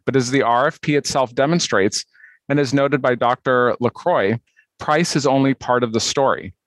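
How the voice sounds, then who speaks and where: A man speaking as an attorney in formal oral argument, measured and structured. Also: mid-range voice, a bit bright, no echo, low-quality recording. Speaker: appellant's attorney.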